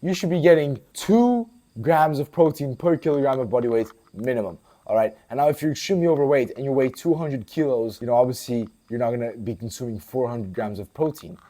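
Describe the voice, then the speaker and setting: Speaking a little fast with hardly any pauses, a warm, medium-pitched man responds to viewer questions. He's a twentysomething fitness coach from Portugal, blunt and casual, swearing and saying bro in this casual Q&A vlog.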